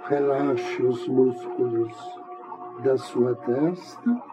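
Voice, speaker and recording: A man leads a guided meditation in a soothing manner, leaving long pauses between phrases. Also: medium pitch. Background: relaxation music.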